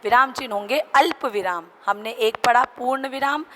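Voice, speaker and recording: Teacher woman, slightly high voice. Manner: explains slowly, repeats example sentences, mixes in English words. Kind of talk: recorded Hindi grammar lesson for children. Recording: noisy recording with clicks.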